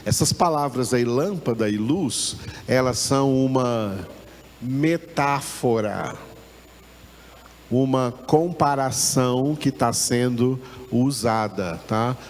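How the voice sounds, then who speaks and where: Slow, patient Brazilian man teaching in a hall. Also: mid-range voice. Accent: Brazilian Portuguese. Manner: patient, repetitive, asks listeners to repeat words; often checks understanding with short tag questions. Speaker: Bible teacher. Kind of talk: Bible class teaching. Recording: long hall reverb with faint background noise.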